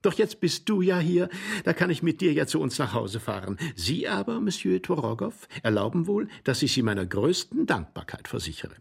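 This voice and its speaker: Flighty young lady, sugary and breathless, up high in the voice, a little gravelly, as a male reader puts her on. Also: big pitch swings, normal speed, heavily acted. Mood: gushing. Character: flighty quick-witted young married woman.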